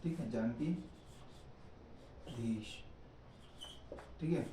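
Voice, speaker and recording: A man's voice: fairly high pitch, expressive, moderate pace, warm tone, reverberant, recorded from a distance, a little hiss or hum, low-quality recording. A man teaching a grammar lesson, asking questions and answering them himself and checking in often with his students.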